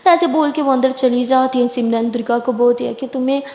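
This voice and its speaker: A woman's voice: on the high side, steady tone, a little fast, dark tone, echoey room, big-room sound. A woman telling a love story in a chatty, informal way. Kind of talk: story narration.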